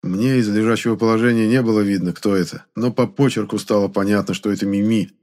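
A man's voice: fairly low pitch, fairly even intonation, fast, darkish tone. Man narrating a first-person audiobook.

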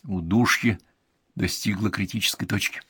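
A man's voice: on the low side, fairly even intonation, normal speed, fairly bright tone, husky, no room sound. Dramatic male audiobook narrator, dry sound. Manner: dramatic reading.

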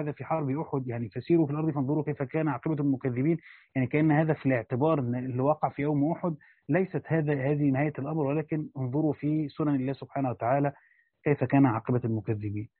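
A man's voice: mid-range voice, slightly rough, no echo. A man with an Egyptian accent reading a classical Quran commentary aloud, breaking in with colloquial explanations. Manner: reads formal text, breaks in with colloquial explanations. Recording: tinny, phone-like lo-fi recording.

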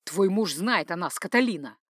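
A woman voicing a cautious young nobleman who speaks slowly and ingratiatingly. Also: lowish voice, animated, fairly bright tone, husky, dry recording, studio quality. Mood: stern. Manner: slow, ingratiating.

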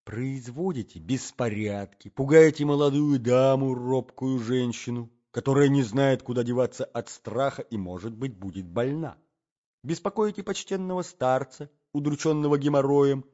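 A man voicing a stern young man who lectures and hushes in a low, reproachful voice. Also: normal speed, highs cut off, lightly acted. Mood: scolding. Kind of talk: audiobook character reading.

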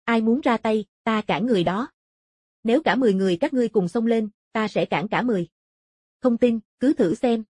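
A woman voicing a calm, defiant young male martial-arts prodigy in an audiobook, unyielding in manner. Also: a little high, brisk, slightly rough, dry recording, studio quality. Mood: calm defiance. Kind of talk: audiobook character dialogue.

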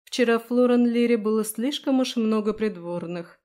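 A woman voicing a calm, stern female stewardess who speaks in a measured, weary way. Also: a little high, natural voice. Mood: firm.

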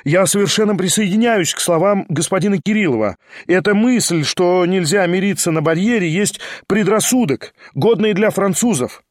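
A man voicing a reserved, compassionate second, speaking with measured effort. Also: on the high side, dry recording, studio quality, close to an everyday voice. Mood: agitated.

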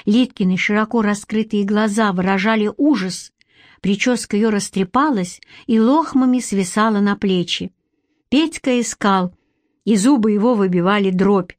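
A woman reading a story aloud as audiobook narration, at a slow, measured pace. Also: medium pitch, darkish tone, no echo, studio quality. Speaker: audiobook reader.

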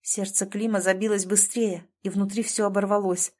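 Female audiobook narrator, measured expressive reading, mid-pitched.

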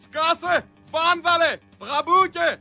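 A shrill comic official barks insults at a rebellious student. His voice is extremely high and squeaky. A clear music bed runs under him. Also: flat delivery, sharp tone, full character voice. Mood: scolding. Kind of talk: satirical sketch acting.

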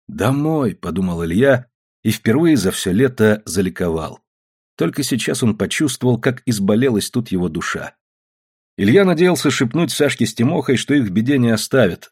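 Husky male audiobook narrator. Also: lowish voice, darkish tone. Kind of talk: scripted narration.

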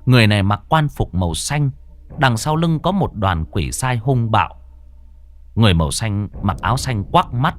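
A man narrating a ghost story in a dramatic, expressive way. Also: on the low side, normal speed.

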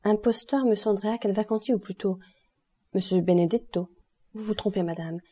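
A woman reading the part of a grieving male royal prosecutor, calm and formal, in an audiobook. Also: mid-range voice, moderate pace, breathy edge, close to an everyday voice. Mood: grave calm.

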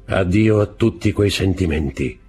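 A man voicing a mysterious bearded stranger who murmurs slowly and low in a husky voice. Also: a little mellow, faint music behind, full character voice. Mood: solemn.

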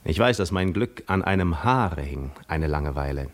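An actor playing Odysseus as a cunning, self-assured Greek war veteran, recounting memories in a measured, articulate 1950s radio drama monologue. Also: male voice, a bass voice, expressive. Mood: musing, wry. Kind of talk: 1950s radio drama monologue, literary first-person narration.

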